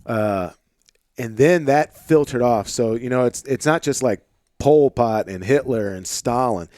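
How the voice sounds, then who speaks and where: A man hosting a podcast, talking loosely and excitably, swearing and calling his guest "dude" and "man.". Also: medium pitch, unhurried, no echo, studio quality. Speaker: podcast host. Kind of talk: casual conversation.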